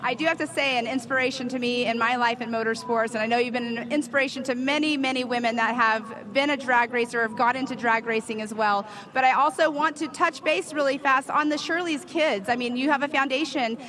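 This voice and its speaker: Lady sports interviewer, kinda high voice, super admiring and gushy, crowd going behind her. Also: steady tone, brisk, few pauses. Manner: gushing, admiring. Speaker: trackside interviewer. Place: outdoor drag strip. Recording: crowd noise at outdoor racetrack.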